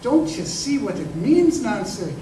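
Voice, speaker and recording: Still in the role of the crippled, working-class ex-corporal embittered by betrayal, the man now takes on a tender, brave mood. His high-pitched voice swings widely in pitch while he speaks haltingly and emphatically, repeating words. This live old-time radio drama plays in a museum, captured echoey and noisy by a distant mic.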